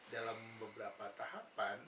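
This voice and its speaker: A man's voice: on the low side, steady tone, brisk. Patient male lecturer, echoey distant room. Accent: Indonesian. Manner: patient, asks rhetorical questions and answers them, frequent "ya" fillers. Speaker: nursing lecturer. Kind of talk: explanatory lecture conversation. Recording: roomy, distant mic, noisy background.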